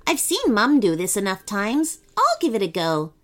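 A woman voicing a hopeful, cheerful little gingerbread boy in a storybook, eager and bright. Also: mid-range voice, huge pitch swings, normal speed.

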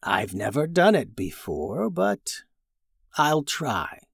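A storyteller voices a grumpy female crystal dragon who grumbles low and quiet, irritated by visitors and eyeing the horses as snacks. The full character voice is gravelly, husky and sing-song, taken slowly. The recording is dry, the voice sitting close with no room around it.

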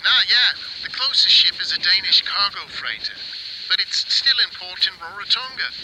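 An easygoing New Zealand coast guard volunteer on the radio, put on by a male narrator. His voice is pitched well up and relaxed and colloquial. A clear hiss of noise sits under it. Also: moderate pace. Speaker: narrator voicing a character.

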